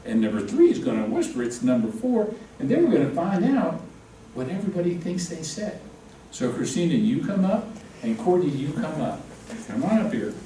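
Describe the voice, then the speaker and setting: A man teaches a real estate class, cracking jokes and quizzing his students as he lectures. His fairly high voice swings widely in pitch, moves briskly and has a dark tone. The mic is distant in a very echoey room, with a little hiss or hum.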